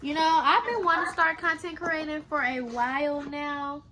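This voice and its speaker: A young woman unboxing gear in a casual vlog, excitable and chatty, talking straight to her viewers. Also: sits high, moderate pace, slight background noise. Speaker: beginner content creator.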